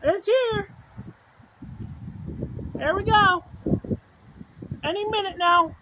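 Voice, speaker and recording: Over faint weather noise, a woman with a very high voice livestreams her storm chasing, excitable and exclamatory yet speaking very slowly. She keeps returning to the same short phrases, and the noisy outdoor recording carries rain and wind.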